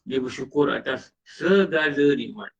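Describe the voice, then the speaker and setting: Speaking as a religious teacher with a Malaysian Malay accent, a man delivers an Islamic lecture in an animated, mid-range voice that runs a little slow. He poses questions to his listeners and acts out quoted dialogue, captured on a distant, muffled mic.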